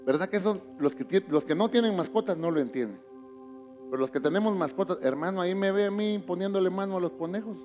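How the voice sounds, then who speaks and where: A middle-aged man, a pastor, preaching a sermon in a church, moving from booming emphasis to hushed asides. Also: fast, over music.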